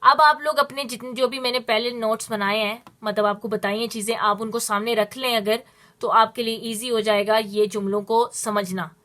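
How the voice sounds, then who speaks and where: A woman teaching a Spanish lesson, explaining step by step and drawing out her Spanish examples slowly. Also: fairly high pitch, steady tone, fairly bright tone. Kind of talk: spoken language lesson.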